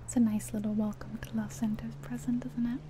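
In an ASMR roleplay, a woman plays a friendly small-town taxi driver giving a guided ride, whispering softly and breathily as she chats gently without hurry. Her pitch is fairly high and her pace brisk. Steady car sounds and rain run underneath.

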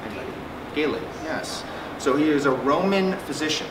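A middle-aged male psychiatrist with a fairly high, brisk voice gives a chatty, joking talk at a symposium, full of fillers and restarts. He stands in a conference room with a projector screen. The audio is echoey, picked up by a distant mic over an air-conditioning hum.

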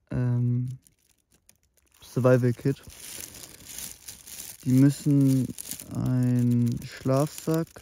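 Young man, exhausted, gravelly voice, slow flat delivery, night woods, faint noise. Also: medium pitch. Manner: plain, tired, filler-heavy talk. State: exhausted and soaked. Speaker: survival vlogger. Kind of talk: casual outdoor vlog commentary. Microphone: action camera held close.

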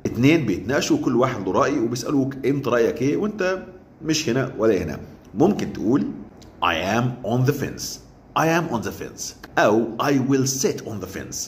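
A man's voice: medium pitch, big pitch swings, a little hiss or hum. Egyptian man teaching English phrases. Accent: Egyptian Arabic. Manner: says English phrases very slowly, then quick joking asides. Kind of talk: casual language lesson.

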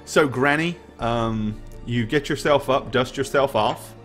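A man's voice: medium pitch, measured pace, fairly bright tone, faint music behind. A middle-aged man narrating a tabletop game off the cuff as dungeon master. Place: indoor room at home, on a group video call.

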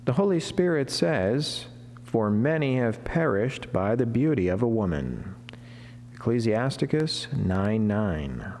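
A middle-aged Franciscan friar gives a daily saint reflection, reading a solemn devotional sermon formally and measuredly with deliberate pauses at a lectern microphone in an indoor, wood-panelled chapel. His mid-range voice is a little mellow, with big pitch swings. The recording has long church reverb, clear background noise and hum.

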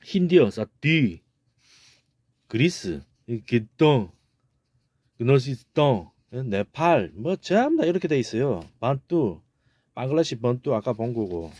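A man's voice: mid-range voice, very animated, a little slow, a little mellow, no room sound, studio quality. A man giving a casual video lecture on word origins, talking emphatically, repeating words and asking rhetorical questions. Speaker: amateur language lecturer.

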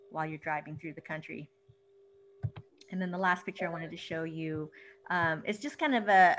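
A woman's voice: on the low side, a bit bright. Chatty woman on a video call. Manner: chatty, filler-heavy, laughs easily. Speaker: author sharing photos. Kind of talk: casual video-call book discussion.

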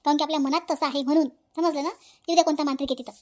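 A woman doing a bold, high-voiced village woman with a Vidarbha accent. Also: steady tone, very fast, lightly acted. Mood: scornful. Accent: Vidarbha Marathi. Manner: scolding, confident, lecturing. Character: bold clever young village woman Priyanka. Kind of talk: cartoon voice acting.

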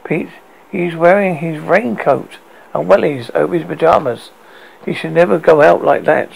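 Man reading as a gravelly, worried British daughter. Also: on the high side, moderate pace, low-quality recording. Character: worried adult daughter fretting over her ailing father. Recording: noticeable background noise.

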